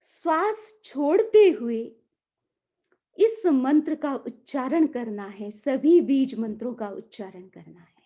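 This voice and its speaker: A woman giving a calm, slow mantra lesson, drawing out the chanted syllables. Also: high-pitched. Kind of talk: guided mantra pronunciation lesson.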